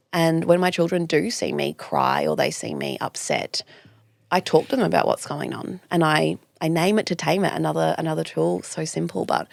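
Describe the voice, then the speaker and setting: A woman's voice: sits low, creaky, no room sound, clean studio sound. A woman, a guest talking earnestly and reflectively in a podcast interview. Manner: earnest, reflective, frequent restarts. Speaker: guest, clinical nutritionist.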